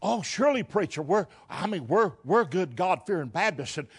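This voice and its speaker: A preacher putting on a fretful churchgoer. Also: male voice, sits high, expressive, moderate pace, husky, voice pushed down, exaggerated voice. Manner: fussy, flustered protest. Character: prim churchgoer objecting to the preacher.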